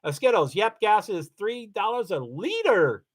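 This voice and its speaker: Chatting loosely on a casual livestream, a man from Kentucky reads viewer comments in a high, sing-song voice with a breathy edge. His pace is measured, and he rambles, often stopping to set himself straight.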